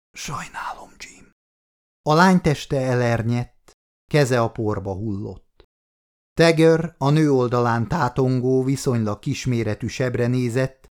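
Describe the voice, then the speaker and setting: A man narrating an audiobook in a measured, dramatic way, slowing down on tense phrases. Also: medium pitch, darkish tone.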